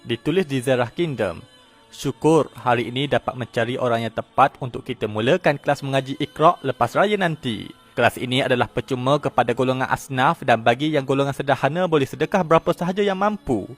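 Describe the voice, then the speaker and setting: A man, giving scripted news narration in a steady reporting tone. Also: mid-range voice, brisk, soft background music.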